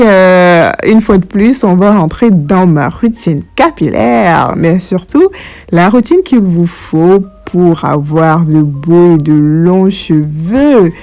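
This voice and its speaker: A woman's voice: on the low side, darkish tone. A woman narrating a casual hair care tutorial, speaking informally and directly to her viewers. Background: faint background music.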